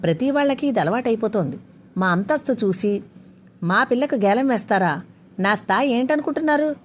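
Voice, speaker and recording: A woman's voice: high voice, sing-song, fast talker, a little mellow, slight background noise, voice pushed up. A woman voicing an arrogant rich father who talks harshly and with contempt over the phone in a spoken story. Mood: contemptuous.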